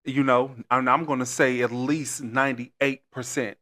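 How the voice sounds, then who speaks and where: A man co-hosts a relaxed conversation at a middle pitch. He backs his partner firmly and states his own take with steady emphasis. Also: unhurried. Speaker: co-host. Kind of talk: casual chat.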